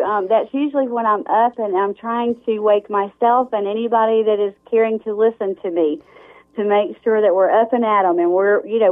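Lady calling into a talk show, tinny phone line, emphatic, runs her sentences together. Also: medium pitch. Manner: emphatic, talks in long run-on sentences. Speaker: guest, morning radio host.

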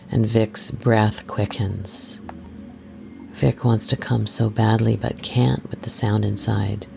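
A storyteller hosting an adult story series in a soft, intimate, scripted first-person narration, hushed and measured, slipping into breathy whispers. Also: medium pitch. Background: music.

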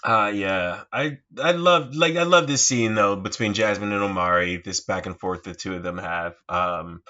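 A man hosting a podcast quiz, talking slowly and hesitantly with many fillers. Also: fairly low pitch, bright, forceful tone. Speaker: podcast host running a quiz. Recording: dull lo-fi recording.

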